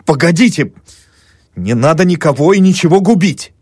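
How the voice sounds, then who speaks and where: A man's voice: fairly high pitch, animated, moderate pace, darkish tone, breathy edge, no echo, clean studio sound, voice pushed up. A man voicing a young male doctor who protests earnestly, in an audiobook. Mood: indignant.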